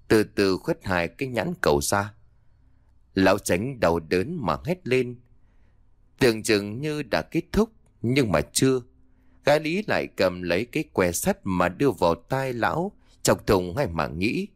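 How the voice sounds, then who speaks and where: Man, audiobook narrator, dramatic and expressive, low voice, dry close sound. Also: no room sound.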